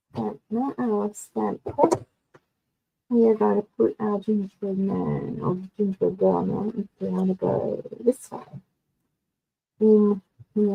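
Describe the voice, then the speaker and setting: A woman's voice: medium pitch, gravelly, warm tone, a little hiss or hum, poor audio. A woman running a live card-making tutorial, chatting through each step for her viewers. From Australia.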